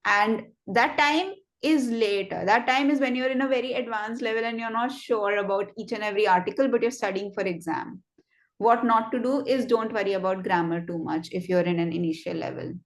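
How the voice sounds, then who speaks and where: A chatty young woman with a medium-pitched voice hosts a student network session, giving casual, friendly advice in an interactive online setting. She is encouraging and tosses in quick asides with fillers.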